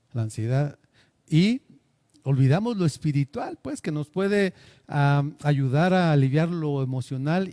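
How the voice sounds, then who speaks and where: A man's voice: fairly high pitch, dark tone, no echo. Earnest preacher man giving a sermon. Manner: earnest, asks the congregation questions.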